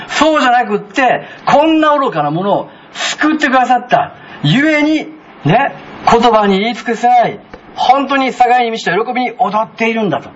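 A man pastor with a Kansai accent, preaching a sermon in a chatty, animated way, with many asides to the congregation. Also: very high-pitched, dull audio, slight background noise. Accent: Kansai Japanese.

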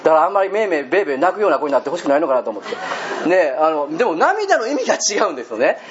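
A man's voice: fairly high pitch, big pitch swings, very fast, crowd noise. A man preaching a sermon as pastor, chatty and joking, often turning to the congregation with questions. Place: church hall. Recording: dull lo-fi recording with faint hiss.

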